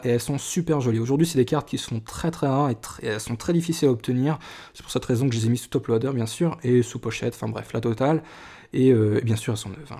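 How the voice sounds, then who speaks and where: A young man talks casually to his viewers while he opens cards. His voice is mellow and sits at a middle pitch. He chats loosely, with many fillers and restarts. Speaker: card collector vlogger. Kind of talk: casual card-opening video.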